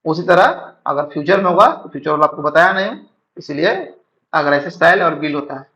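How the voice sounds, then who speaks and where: A man teaching English grammar in Hindi, reading sentences slowly and checking his students follow. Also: a little high, sharp tone. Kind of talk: classroom-style grammar lesson. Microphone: writing on a board while talking. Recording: dull lo-fi sound.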